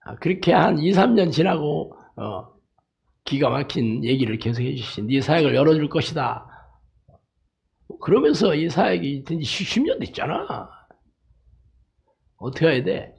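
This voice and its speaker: Male pastor preaching, keeps tossing in "eh?", fairly high voice, gravelly. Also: very animated, moderate pace, a little mellow. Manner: emphatic, frequent rhetorical "eh?" tags; tells jokes and anecdotes. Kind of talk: sermon.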